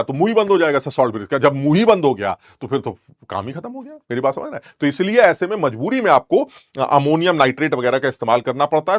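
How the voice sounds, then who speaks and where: A young man teaching chemistry in Hindi, in a lively classroom-style lecture full of jokes, anecdotes and mock scolding of students. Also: mid-range voice, dry recording, clean studio sound. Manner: colloquial, joking, scolding asides to students.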